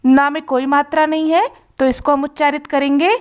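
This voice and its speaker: A woman's voice: high-pitched, little pitch movement. A woman teaching children to read, patiently sounding out letters and syllables one by one. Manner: slow, patient, drawing out sounds. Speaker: Hindi reading teacher. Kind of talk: children's phonics lesson.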